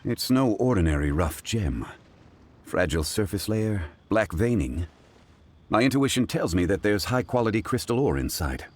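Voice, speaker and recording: A man voicing a composed, modest, erudite gentleman in a video game, formal, measured and courteous. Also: fairly low pitch, big pitch swings. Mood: thoughtful, assured. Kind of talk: video game dialogue acting.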